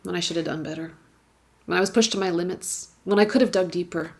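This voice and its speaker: Low-voiced woman reading a wry essay. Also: steady tone, fast, vocal fry, a little mellow. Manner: wry, candid, swearing, building to emphatic repetitions. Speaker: writer reading her work at an awards gala. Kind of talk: expressive live reading of a personal essay. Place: stage at a gala event.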